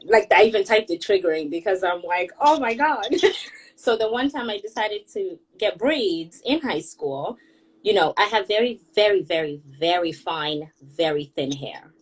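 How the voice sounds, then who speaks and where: A woman's voice: lowish voice, animated, normal speed, low-quality recording. A young woman from Kenya, a hairstylist and blogger, chatting as a guest on a group audio call and laughing often as she tells stories.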